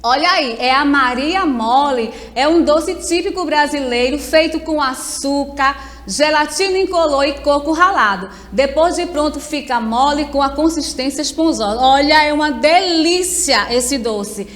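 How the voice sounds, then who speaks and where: Brazilian woman teacher, high voice, unhurried and patient, reverberant room. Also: fairly bright tone. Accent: Brazilian Portuguese. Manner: slow, patient, syllable-by-syllable explaining. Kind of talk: remote class lesson.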